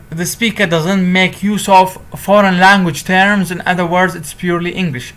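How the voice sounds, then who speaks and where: Give me a man teaching a recorded interpreting lecture, a bit high-pitched, reading slowly and explaining quickly. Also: sharp tone. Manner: switches between slow deliberate English and quick Arabic explanation. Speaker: university translation lecturer.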